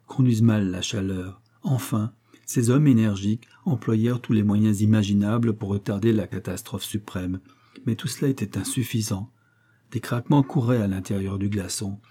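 Here a man with a fairly low, breathy voice narrates a classic adventure novel as an audiobook. He performs it dramatically, getting louder on the shouted lines.

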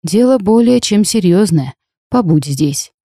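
A woman voicing a calm, careful man in old-fashioned clothes in an audiobook. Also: mid-range voice, unhurried, no room sound, clean studio sound. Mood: wary. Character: long-haired man in an old caftan, calm and wary.

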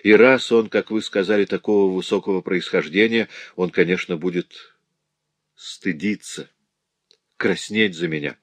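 A man voicing a timid young girl ashamed of her past, speaking in a hushed, fearful way. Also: low voice, a little slow, dry recording.

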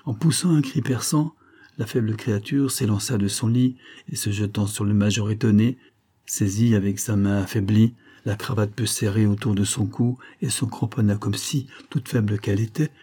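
As an audiobook narrator, a man reads a classic novel aloud in a measured, expressive way. His voice is on the low side and slightly rough.

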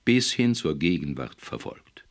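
A man's voice: extremely low pitch, very animated, a little slow, heavily acted. A man reading an audiobook, voicing a cold, stern male official who questions and lectures in a cool, probing manner. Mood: lecturing.

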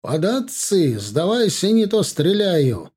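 A man voicing a loud young Russian jäger who shouts urgently in a raised voice. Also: on the high side, normal speed, pitched above the performer's own voice, natural voice. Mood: shouting urgently.

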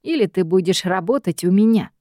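A woman's voice: mid-range voice, animated, fairly quick, warm tone, dry recording, studio quality, lightly acted. A woman doing a smug male demon boss. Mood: menacing.

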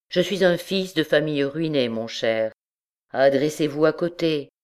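A woman's voice: rumbling low, darkish tone. A woman playing a brash young army captain. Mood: mocking. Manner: brash, flippant, boastful. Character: swaggering, hot-tempered young male army captain.

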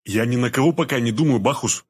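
A man's voice: medium pitch, quick pace, husky, lightly acted. A man voicing a stern, terse security man. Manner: terse, hard-edged.

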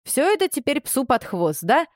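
A woman reading aloud as a domineering middle-aged mother, pitched noticeably higher than the reader's own voice and full of indignant, scolding questions. The sound is dry and close. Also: sing-song, normal speed, no room sound. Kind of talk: audiobook character reading.

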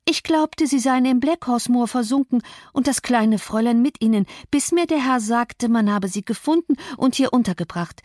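A woman reader voicing a chatty, gossiping middle-aged housemaid in an audiobook, with a raised, bright tone. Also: on the high side, normal speed, no echo, studio quality, voice pushed up, close to an everyday voice. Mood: gossipy.

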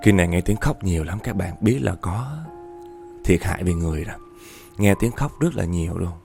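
A man's voice: sits low, fairly quick, creaky, dark tone, faint music behind. A man telling a horror story dramatically, addressing his listeners directly.

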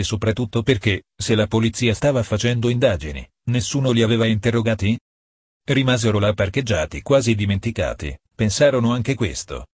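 Guy reading an audiobook, steady and matter-of-fact, lowish voice, dry sound. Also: no room sound. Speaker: audiobook narrator. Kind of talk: scripted audiobook narration.

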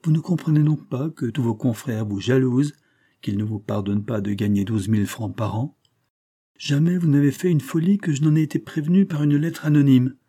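A man's voice: mid-range voice, warm tone, pitched above the performer's own voice, lightly acted. A man voicing a stern, indignant middle-aged banker who speaks in a raised, vibrant voice.

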